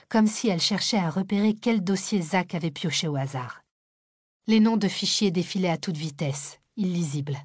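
A woman's voice: lowish voice, no room sound, clean studio sound. Woman narrating a thriller audiobook. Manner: measured, expressive storytelling.

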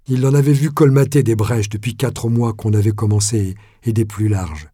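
A man reading a novel aloud as narrator, measured with a dry ironic touch. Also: on the low side, dark tone, breathy edge, dry recording. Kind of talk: audiobook reading.

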